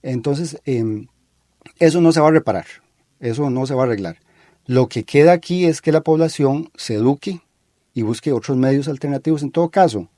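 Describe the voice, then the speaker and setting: A man's voice: medium pitch, moderate pace, dark tone, no room sound. A Costa Rican man hosting a talk show, speaking in a plain mid-range voice. He argues point by point in an opinionated, analytical way and often stops on fillers. The sound is close and dry, with no room around it. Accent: Costa Rican Spanish. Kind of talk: critical discussion.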